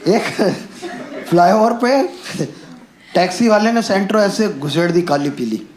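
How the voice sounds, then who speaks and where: A middle-aged man doing a stand-up comedy set, telling animated stories and mimicking people with loud outbursts. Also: high voice, a little slow. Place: comedy venue with live audience. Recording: echoey room with background noise.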